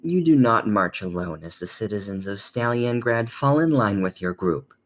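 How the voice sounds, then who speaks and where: Calm low-voiced male narrator. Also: moderate pace. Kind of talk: second-person fanfic narration.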